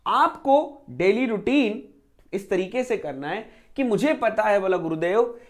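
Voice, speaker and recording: Animated male coaching teacher. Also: high voice, measured pace. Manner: asks and answers his own rhetorical questions, repeats key phrases. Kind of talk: exam preparation lecture.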